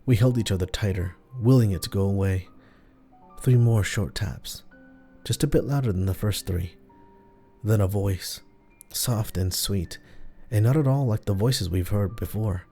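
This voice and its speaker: A man narrating a scripted horror story in a slow, measured, hushed way. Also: fairly low pitch. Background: faint piano music.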